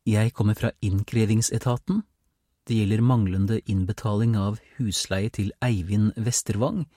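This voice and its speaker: A man's voice: on the low side, steady tone, mellow, dry recording, studio quality, lightly acted. A man voicing a polite, matter-of-fact woman official from a collection agency in an audiobook.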